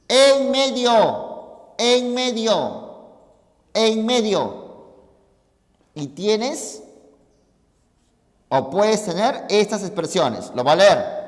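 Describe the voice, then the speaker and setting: A teacher with a medium-pitched voice gives a logic lesson, explaining each step and often checking that students follow. He addresses the listeners informally while pointing at the board, and the sound has a long reverb tail.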